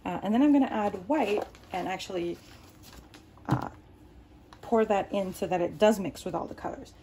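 This art tutorial host, a native Arabic speaker, explains casually while painting in her home studio indoors. Her mid-range voice has lively intonation and a moderate pace, her speech rambles with ums and restarts, and the background is noisy.

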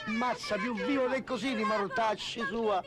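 An actor playing a hot-tempered, coarse truck driver in a film comedy, cursing explosively in a Roman Italian accent. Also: male voice, high-pitched, measured pace, very noisy. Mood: indignant.

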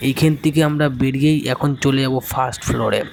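A man's voice: mid-range voice, fast talker, vocal fry, faint music behind. A man casually narrating his walk through an abandoned hospital for a vlog. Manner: casual, describing what is shown. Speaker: vlogger. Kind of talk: narrated exploration vlog voice-over.

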